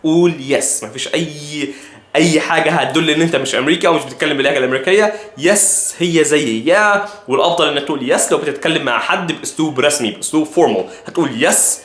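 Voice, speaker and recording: A man with an Egyptian Arabic accent teaching an English lesson, repeating phrases slowly and carefully. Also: a little high, a bit bright, echoey room. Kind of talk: language lesson.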